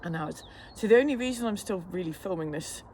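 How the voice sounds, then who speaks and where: A man with a fairly high voice talks casually to camera while sitting in freezing water. He rambles along in a matter-of-fact, self-deprecating way, coping with the cold. There is clear background noise, as of an outdoor recording. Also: expressive, fast talker, darkish tone. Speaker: fitness instructor vlogger. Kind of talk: casual chat to camera during a cold plunge. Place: outdoors in an ice bath.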